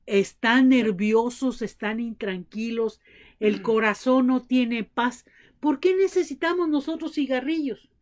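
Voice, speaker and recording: A woman's voice: on the high side, a little slow. A woman preaching a sermon to a congregation, telling family stories and acting out the dialogue. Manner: addresses the congregation as brothers, acts out family dialogue.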